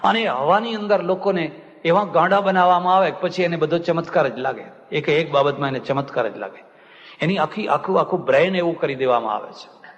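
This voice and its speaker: An older man with a fairly high voice gives a spiritual talk, telling stories and playfully acting out the people in them. His voice rings through a large hall with a long reverb, and the recording sounds dull and lo-fi. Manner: storytelling, acts out quoted people with humor. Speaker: swami giving a discourse. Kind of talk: religious discourse with anecdotes.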